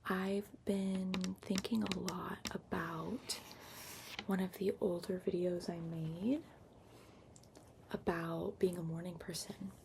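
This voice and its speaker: A woman rambles softly in ASMR style, mostly whispering and now and then soft-spoken. Her voice has a noticeable creaky fry and moves along without hurry. She is close to a laptop microphone, in a lo-fi recording with clear background noise. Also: on the low side, level tone. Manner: hushed, unhurried whispering with occasional soft voice. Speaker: ASMR vlogger. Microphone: built-in laptop microphone, up close. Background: tapping and keyboard-like scratching sounds.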